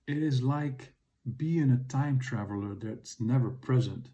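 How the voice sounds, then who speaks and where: A man hosting his own podcast, speaking in a calm, earnest personal monologue. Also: medium pitch. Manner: calm, earnest, unhurried reflection. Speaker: podcast host.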